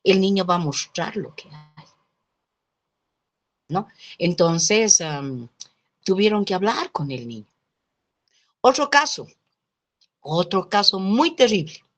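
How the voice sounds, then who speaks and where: A woman's voice: medium pitch, slow pace, long pauses. A woman lecturing in sociology class, telling stories and checking in with listeners through little question tags. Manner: lively storytelling, often adds checking tags like "¿no?" and "¿sí?". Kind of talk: lecture told through anecdotes.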